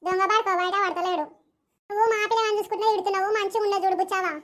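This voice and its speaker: A woman playing a quarrelsome old village woman with a Telangana Telugu accent, scolding in a rapid-fire bickering comedy sketch. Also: very high voice, fairly even intonation. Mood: angry.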